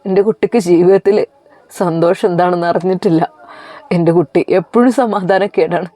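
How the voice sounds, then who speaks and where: A grieving old mother pours out a sobbing prayer for her departing son, as a woman storyteller puts her on. The voice is mellow and warm, set close and dry with no room around it. It reads like a storybook scene, plain and heartfelt. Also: fairly low pitch, brisk, no room sound, natural voice. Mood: tearful pleading. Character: tearful devout old mother praying for son.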